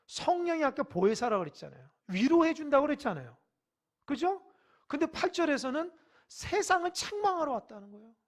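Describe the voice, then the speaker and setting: A pastor preaching a midweek sermon in a church, emphatic and questioning the congregation directly, swinging from loud exhortation to hushed asides. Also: high-pitched, very animated, fairly quick. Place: church sanctuary.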